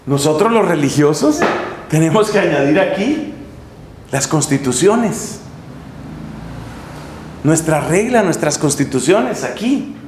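A middle-aged man, a friar, preaching a sermon with lively, humorous storytelling in a monastery chapel. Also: on the high side, slow pace, long pauses. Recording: echoey room, faint hum.

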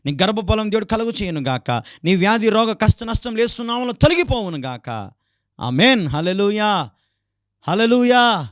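Telugu-accented pastor man preaching, acts out fights in loud voices, kinda high voice. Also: sing-song, fairly quick, no room sound, clean studio sound. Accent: Telugu, Andhra Pradesh. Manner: acts out quarrels in raised voices; fervent exclamations of hallelujah. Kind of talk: sermon.

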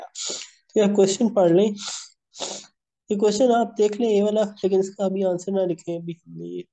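The teacher here has a high, warm voice and a slightly sore throat as he goes through chemistry problems step by step on an on-screen worksheet. Calling his students "beta," he switches between Hindi and English terms, recorded roughly as a screen-recording voice-over.

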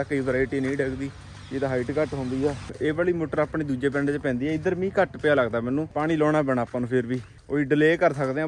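A man with a Punjabi accent, a farmer vlogging outdoors in wheat fields, explaining matter-of-factly to the camera. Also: fairly high pitch. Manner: matter-of-fact, explains crop damage to viewers. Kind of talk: casual vlog walking through fields.

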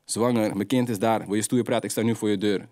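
A young adult man, a rapper guest telling street stories in animated, slang-heavy casual talk. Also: lowish voice, quick pace, dry recording, clean studio sound. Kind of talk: casual interview storytelling.

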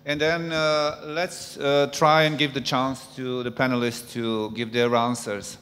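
A man chairing a panel discussion, handing the floor over in a brisk, polite way. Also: mid-range voice, flat delivery, a bit bright. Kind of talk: moderating a panel. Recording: long reverb of a large hall.

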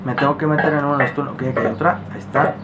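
A man playing a horror game and talking to himself, panicking often and repeating words fast. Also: on the high side, steady tone. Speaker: gaming youtuber. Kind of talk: horror game let's play. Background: loud game music.

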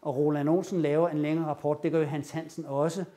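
A man giving a lecture, telling a story with animated retelling and acting out the quoted lines. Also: fairly high pitch. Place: lecture room.

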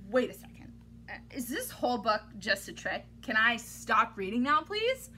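At a moderate pace, a woman in her thirties with a slightly high, sharp-toned voice and big pitch swings reads a picture book to children in a teacherly, theatrical style, exaggerated and playfully exasperated. She's in a small room at home, and the recording picks up noticeable background noise.

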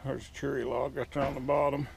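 Fast-talking and creaky, with a mid-range, level, somewhat dark voice, a sawmill owner gives an informal outdoor tour of his yard in folksy rural dialect with double negatives. A head-mounted action camera records him, and there's a little background noise.

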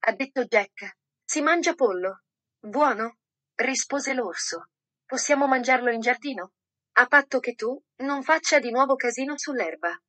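A woman narrating a children's story in a gentle, steady reading voice. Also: sits high, unhurried.

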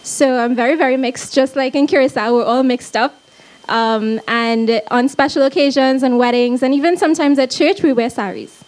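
A woman from Trinidad and Tobago talks into a handheld mic on a ship's stage. She is friendly and a little hesitant. Her voice sits slightly high. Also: normal speed. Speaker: ship crew volunteer.

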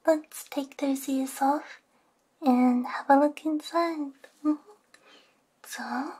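In a hushed whisper with soft hums, a young woman performs a gentle, soothing ASMR roleplay close to a binaural microphone. Her voice is high and steady in tone, and she takes her time.

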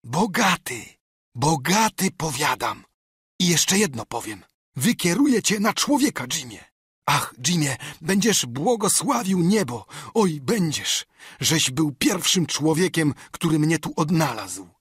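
A man's voice: on the high side, measured pace, slightly rough, dry recording, studio quality, voice pushed up, heavily acted. A man voicing a half-mad marooned castaway who is eager, wheedling and keeps repeating himself. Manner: excitable, pleading, repeats himself.

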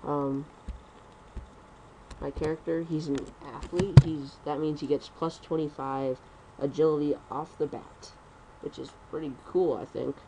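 A young man rambling through casual gameplay commentary at home on a computer mic, talking fast and correcting himself. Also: fairly high pitch, steady tone, background noise. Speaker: gaming commentator.

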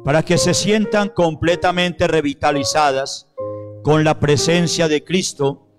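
Speaking into a handheld microphone at the church altar, a priest renews baptismal promises within liturgical prayer as soft piano plays underneath. His male voice is a little high, with slow, solemn, measured delivery and fairly even intonation.

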